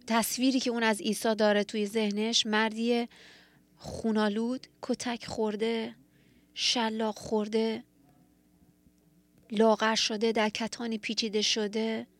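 A woman's voice: on the high side, a bit bright, dry recording. A woman giving a sermon, retelling a scripture story in an earnest, reflective way. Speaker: preacher.

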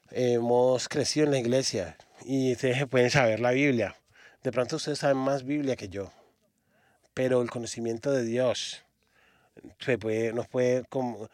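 A man from Australia preaching a sermon in a church, halting often and restarting his words. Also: medium pitch, dry recording, clean studio sound.

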